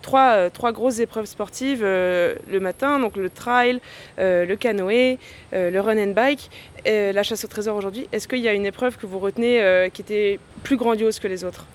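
A reporter asking questions briskly in an outdoor field interview. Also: mid-range voice.

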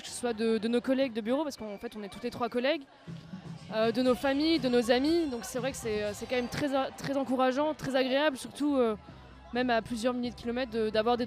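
A woman's voice: fairly high pitch, fast, a little mellow, soft background music. Hesitant woman, race competitor. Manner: hesitant, restarts, earnest. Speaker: race participant. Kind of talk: casual interview answers.

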